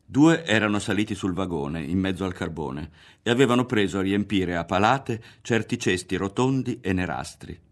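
A man narrating a literary audiobook in a measured, expressive way. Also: low-pitched. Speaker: audiobook reader.

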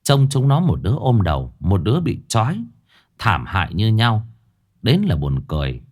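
Low, lively male ghost-story teller. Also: moderate pace. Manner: lively, folksy, expressive.

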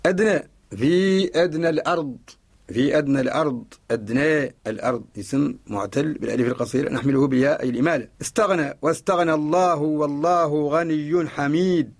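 Male Mauritanian sheikh, fast and fairly high-pitched, radio teacher who quotes and repeats verses. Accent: Mauritanian Arabic. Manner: quotes verses and repeats words while explaining. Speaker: sheikh teaching Quranic spelling. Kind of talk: radio lesson explaining a verse text.

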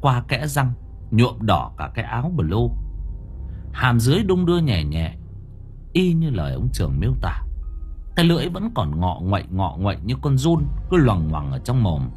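A man narrating a spooky audiobook story in an expressive, vivid way. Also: medium pitch, moderate pace, faint music behind. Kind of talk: dramatic horror story narration.

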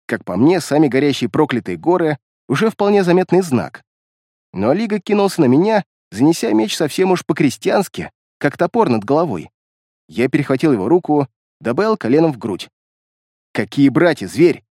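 Casting: male fantasy audiobook narrator, calm expressive storyteller, a bit higher voice, dry studio. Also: brisk, dry recording.

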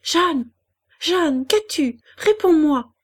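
A woman voicing a frantic young mother who cries out in high, loud panic over her sick child in an audiobook. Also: fairly even intonation, normal speed. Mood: panicked.

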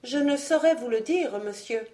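A woman's voice: high voice, moderate pace, mellow, voice pushed up, close to an everyday voice. A woman voicing a proud young noblewoman who speaks earnestly with restrained feeling.

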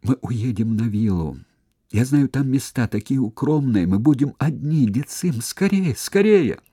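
A man's voice: fairly low pitch, sing-song, slow pace, warm tone, slightly rough, no room sound, clean studio sound, exaggerated voice. A man reading an audiobook, voicing a frightened young Roman woman who pleads breathlessly. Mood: desperate pleading.

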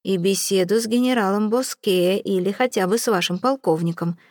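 A woman's voice: mid-range voice, a little fast, a little mellow, no echo, clean studio sound, lightly acted. A woman voicing a jovial male war journalist in an audiobook, bargaining in a breezy way. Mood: haggling. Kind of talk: audiobook character reading.

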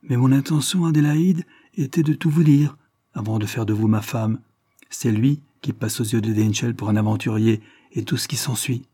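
A man reading the part of an older lord, mocking and secretive, speaking in a wry, measured way. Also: mid-range voice, warm tone, no echo, studio quality, natural voice.

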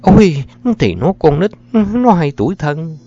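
A man voicing an anxious, tender mother who speaks softly and pleadingly. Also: medium pitch, big pitch swings, creaky, pitched above the performer's own voice. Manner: soft, pleading, quick to soothe. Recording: muffled audio with faint music.

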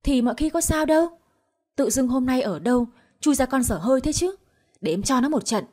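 A woman voicing an angry young woman who scolds and insults, her voice pushed higher and louder. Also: lively intonation, brisk. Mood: furious. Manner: shrill, insulting tirade.

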